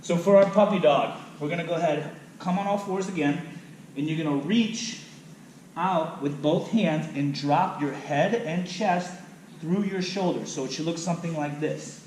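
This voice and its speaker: A man's voice: fairly high pitch, moderate pace, darkish tone, far from the mic, a little hiss or hum. Man coaching a workout in an echoey gym. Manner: demonstrating exercises while talking, counting reps. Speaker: fitness trainer. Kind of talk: instructional workout video. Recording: echoey room, voice from off-mic.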